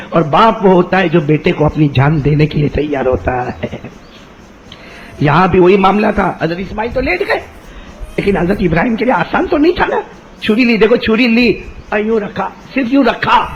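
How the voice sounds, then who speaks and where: Male preacher with a high voice, animated storyteller who draws call-and-response from the congregation. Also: dull audio, a little hiss or hum. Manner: animated, calls out questions and responses to the audience; chants Arabic verses in a drawn-out melodic recitation. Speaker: Islamic preacher.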